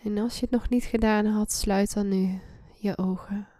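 A woman leading a guided meditation in a soft, breathy, soothing voice that often slips into a hushed spa-like whisper. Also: mid-range voice, steady tone, moderate pace, no echo, clean studio sound. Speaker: guided meditation podcast host. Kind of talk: slow guided relaxation meditation.

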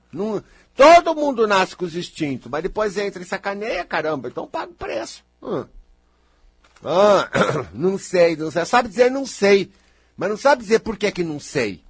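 Emphatic Brazilian man with a husky voice. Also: high-pitched, big pitch swings, moderate pace, dry recording. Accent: Brazilian Portuguese. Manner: emphatic, teasing and scolding, talks straight to the listener. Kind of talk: animated spontaneous monologue.

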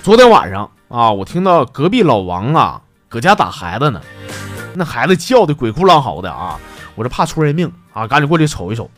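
Animated joke-telling man with Northeastern Mandarin accent. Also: mid-range voice, brisk, soft background music. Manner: chatty, folksy, animated. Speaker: comedy show host. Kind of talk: storytelling joke monologue.

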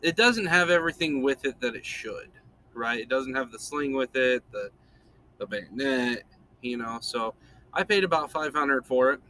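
A man's voice: mid-range voice, expressive, moderate pace, pushed and bright, a little hiss or hum. Laid-back, rambling male podcast host. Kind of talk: casual chat.

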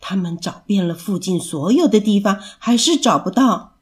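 Animated woman reading a children's story. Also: mid-range voice, moderate pace.

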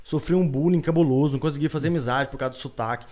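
Guest: high, quick-talking man with a rural Minas accent, earnest and emphatic. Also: a little mellow. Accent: rural Minas Gerais. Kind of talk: talk show chat.

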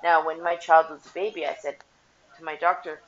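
A woman's voice: low-pitched, little pitch movement, brisk. A woman and mother ranting casually to camera, blunt and profane, rambling with lots of "like". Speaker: vlogger, mother. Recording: dull lo-fi audio.

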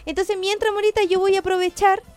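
Very high-voiced Chilean woman radio host. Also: flat delivery. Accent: Chilean Spanish. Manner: fast-talking, upbeat, chatty. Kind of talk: casual radio chat.

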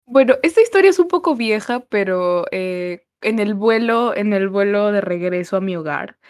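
A young woman co-hosting a casual podcast, telling stories in an animated way and laughing often. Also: mid-range voice, moderate pace. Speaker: podcast co-host.

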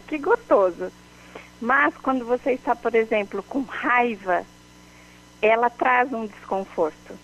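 A woman, a guest expert explaining how to handle emotions in a measured way, often checking in with the host by name. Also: on the high side, rough recording. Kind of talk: calm explanatory advice.

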